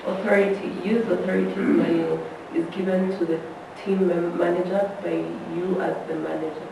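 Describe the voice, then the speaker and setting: A woman's voice: on the low side, level tone, normal speed, vocal fry. A woman in a class reading points aloud from her notes. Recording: echoey room, far from the mic, noisy background.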